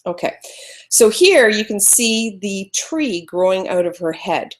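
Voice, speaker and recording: Expressive and measured, with a mid-range, loud voice, a woman teaches photography in a relaxed live webinar. She deals with screen-sharing hiccups while chatting into her computer mic.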